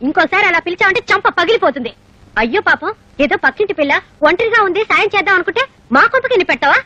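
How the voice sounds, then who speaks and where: A shrill indignant housewife. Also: female voice, expressive, very fast, pushed and bright, no echo, highs cut off, exaggerated voice. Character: angry wronged housewife threatening a rival. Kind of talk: film dialogue.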